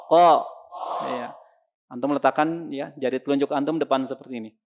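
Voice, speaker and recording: A man's voice: medium pitch, fairly even intonation, a little fast. A man teaching a congregation how Arabic letters are pronounced, asking questions and answering them himself, then sounding the letters out. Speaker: Quran recitation teacher. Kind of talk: lesson to a congregation.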